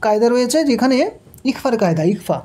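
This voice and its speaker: A woman's voice: on the high side, expressive, mellow. Patient woman teaching Quran reading. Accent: Bangladeshi Bengali. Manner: patient, repeats syllables slowly, asks and answers own questions. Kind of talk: step-by-step recitation lesson.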